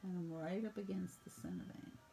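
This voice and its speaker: A woman painting instructor walking students through each brush stroke in a brisk, teasing teaching manner. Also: on the low side, very animated, creaky, warm tone, faint music behind, low-quality recording. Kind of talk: step-by-step painting lesson.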